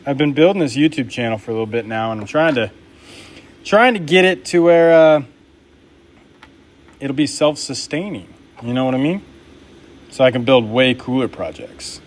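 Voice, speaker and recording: A young man chats with his live-stream viewers in an easygoing, upbeat way as he works at his knife bench. His voice sits in a middle pitch, relaxed and friendly, with plenty of offhand slang. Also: normal speed, pauses often. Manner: upbeat, laid-back, talks to chat while crafting. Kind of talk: casual live-stream chat while working.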